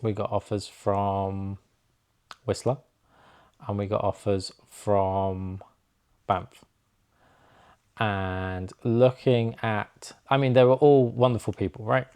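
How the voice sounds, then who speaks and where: A man's voice: fairly low pitch, slow, pauses often, smooth. A young man, a snowboard instructor, casually telling a story to camera and acting out the dialogue. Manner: chatty, animated, acts out quoted dialogue.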